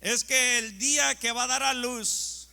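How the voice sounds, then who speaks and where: A male pastor delivers an impassioned sermon at a slow, deliberate pace. His voice sits very high, bright and gravelly. A long hall reverb trails every phrase. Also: fairly even intonation. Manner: impassioned preaching, swings from loud to hushed. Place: church sanctuary.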